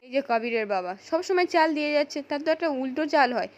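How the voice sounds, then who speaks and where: A woman's voice: high voice, animated, fast talker. A woman reading a firm, upright husband. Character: upright middle-aged man, firm husband.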